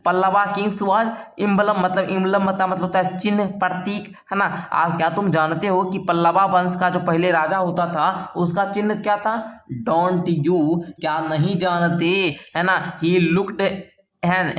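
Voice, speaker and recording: A man's voice: high-pitched, fairly even intonation, a bit bright. Male teacher explaining, echoey room. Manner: repeats words slowly for students to copy; checks in with "thik hai" and "samjhe" often. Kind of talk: explaining an English lesson in Hindi.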